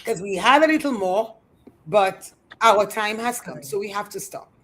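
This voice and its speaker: A woman hosting a talk show, interviewing a guest with effusive praise and slow, deliberate questions. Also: medium pitch, animated, crowd noise.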